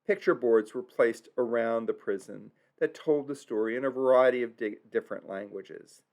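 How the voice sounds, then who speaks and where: A travel vlogger narrates a tour in his video, his medium-pitched voice gravelly yet a little mellow, at normal speed. He sounds earnest and reflective, now and then stumbling over German place names.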